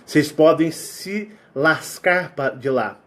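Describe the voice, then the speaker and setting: A man with a Brazilian Portuguese accent giving a casual spiritual talk, sweating and animated as he acts out sounds and quotes. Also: a little high, takes it slowly. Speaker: spiritual channel host.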